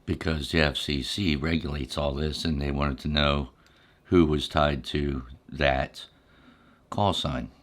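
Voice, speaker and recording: Here an older or middle-aged American man tells rambling, easygoing ASMR stories from his past. His voice is low and deep, his tone steady, and he pauses a lot.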